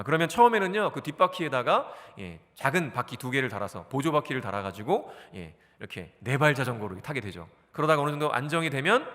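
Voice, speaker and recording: A man in his forties preaches to a congregation and keeps asking them questions, then answers them himself. His voice is bright and rises and falls a lot. It rings out with the long reverb of a church hall. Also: medium pitch. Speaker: pastor. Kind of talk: sermon. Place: church sanctuary.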